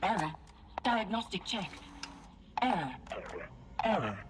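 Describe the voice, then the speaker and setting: A woman's voice: mid-range voice, sing-song, slow pace, noisy background. A woman voicing a damaged female security construct with a glitching robot voice, speaking in clipped single-word machine announcements.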